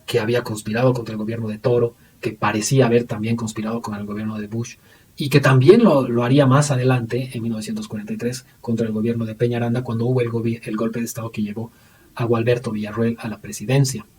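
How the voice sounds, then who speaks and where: A man explains history in a loose, unscripted presentation, often stopping on fillers and going back over his own words. His voice sits at an ordinary middle pitch. He is set back from the microphone, with a faint hiss underneath. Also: little pitch movement, fast talker, a little mellow, far from the mic. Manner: hesitant, many fillers and restarts.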